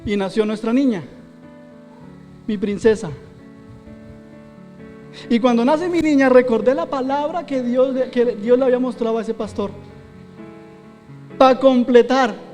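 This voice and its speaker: A male pastor preaches in a church hall and tells his own story. His voice sits very high for a man, and it rings with a long reverb while soft music plays under him. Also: a little slow, pauses often. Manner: personal testimony, quotes himself and his wife aloud. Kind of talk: sermon.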